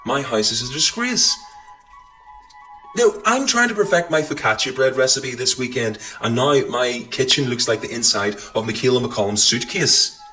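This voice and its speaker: A man's voice: mid-range voice, animated, normal speed, pushed and bright, faint music behind, low-quality recording. A man doing a snooty, pompous caller in a comedy sketch. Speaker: comedian playing a posh prank caller.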